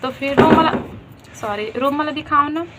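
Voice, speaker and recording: A woman's voice: high-pitched, moderate pace, very noisy. A young woman with a Chhattisgarhi accent, telling a personal story to her viewers in a chatty, friendly way. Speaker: vlogger. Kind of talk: casual storytelling.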